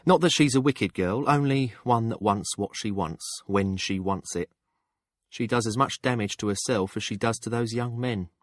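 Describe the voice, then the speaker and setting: A man's voice: on the low side, normal speed, dry recording, studio quality, voice pushed up, lightly acted. A man voicing a blunt, shrewd middle-aged townswoman who reads palms, speaking frankly in an audiobook. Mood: earnest. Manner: frank and sharp-tongued. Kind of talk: audiobook character voice.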